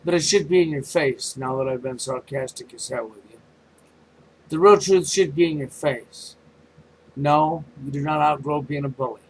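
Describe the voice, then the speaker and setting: A man's voice: fairly high pitch, normal speed, slightly rough, low-quality recording. A man giving a sarcastic ranting commentary, full of rhetorical questions and repetition. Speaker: video commentator.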